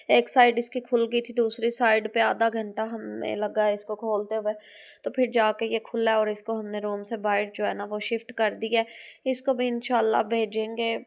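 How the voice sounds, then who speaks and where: A woman in her thirties with a Pakistani Urdu accent, chatting through a casual vlog voice-over about her day, homely and rambling. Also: a little high. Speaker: vlogger, housewife.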